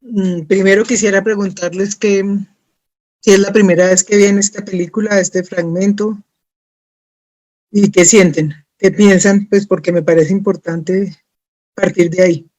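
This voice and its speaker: A woman's voice: medium pitch, fairly even intonation, measured pace, a little mellow, low-quality recording. A woman speaking as a guest in a public talk, reflective and hesitant as she leads a discussion.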